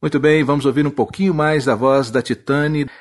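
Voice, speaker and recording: A male radio host briskly introducing the next songs. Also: on the high side, fairly even intonation. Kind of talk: radio announcing.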